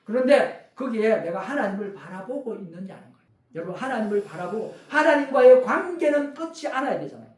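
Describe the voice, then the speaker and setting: A man's voice: high-pitched, very animated, a little fast. A man preaching a sermon as pastor with a Gyeongsang Korean accent, speaking emphatically and often addressing the congregation. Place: church sanctuary. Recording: roomy echo, from far off the mic.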